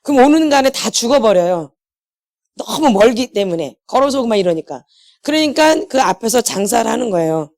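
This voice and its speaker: A middle-aged pastor's wife leads a healing meeting, preaching a sermon in a fairly high, expressive, brisk voice with a darkish tone. She keeps posing questions to the congregation and answering them herself.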